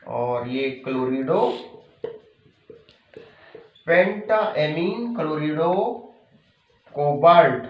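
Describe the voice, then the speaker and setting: A man teaching chemistry in a patient lecture style, repeating key terms and checking in with his students. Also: a little high. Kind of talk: classroom lecture. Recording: echoey room, dull lo-fi sound.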